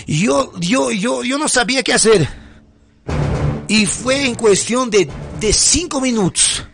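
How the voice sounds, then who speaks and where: A man's voice: high voice, vocal fry. Agitated man telling his story. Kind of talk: dramatized true-story narration. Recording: music playing behind.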